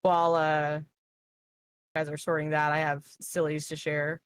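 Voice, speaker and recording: A woman's voice: deep voice, level tone, normal speed, a little hiss or hum. A woman chatting casually as a player in a tabletop roleplaying group. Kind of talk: casual chat.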